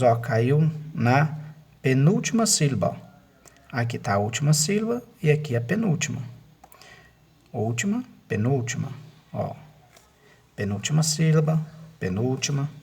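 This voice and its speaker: A male teacher works through a set of exercises, patient and repetitive, often stopping to check that his listeners follow. His voice is husky and sits at an ordinary middle pitch. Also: big pitch swings, moderate pace, darkish tone. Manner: patient, repetitive explaining with frequent checks like "né?" and "tá bom?". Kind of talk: classroom lesson, correcting exercises.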